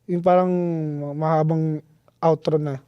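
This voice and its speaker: A man guest on a podcast, telling a story in a casual, slangy, animated way with lots of restarts. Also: a little high, a little slow, no echo, lo-fi sound. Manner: animated, slangy, keeps saying "tol"; restarts and trails off often.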